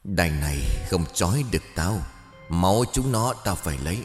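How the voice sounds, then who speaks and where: A man's voice: sits low, lively intonation, moderate pace, in a large hall, faint music behind. A man voicing a cruel, vengeful female ghost who hisses through her teeth.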